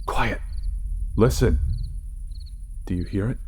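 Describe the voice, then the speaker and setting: An actor playing a mysterious, calm astronaut who speaks softly and from a distance in a horror story. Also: male voice, normal speed. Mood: hushed, urgent. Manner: soft, low and distant. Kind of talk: audio drama acting.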